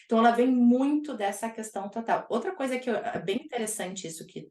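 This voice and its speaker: A woman hosting a podcast, chatting casually with an energetic, emphatic delivery. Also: on the high side, fast talker. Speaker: podcast host. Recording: echoey room.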